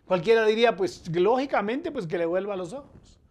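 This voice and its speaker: A middle-aged man with a Colombian accent preaching a sermon as pastor, his loudness rising and falling as he presses his points. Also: high-pitched, expressive, moderate pace. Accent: Colombian Spanish.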